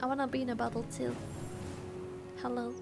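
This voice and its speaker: A woman's voice: on the high side, level tone, brisk, music in the background. A woman streaming a video game with casual, playful, slangy commentary, thinking aloud. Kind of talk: casual live gaming commentary.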